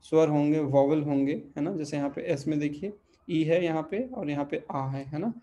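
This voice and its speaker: Male language teacher, patient and repetitive, drills word endings, mellow tone. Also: on the high side, dull audio. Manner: patient, repeats word forms slowly, checks in with "ठीक है". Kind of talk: online language lesson.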